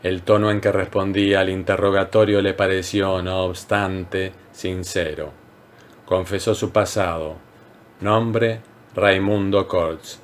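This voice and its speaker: A man with a low, steady voice reads a literary short story aloud. His delivery is measured and calm, broken into short phrases by deliberate pauses. It sounds like a carefully paced audiobook narration. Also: slight background noise. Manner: measured, unhurried reading with frequent pauses.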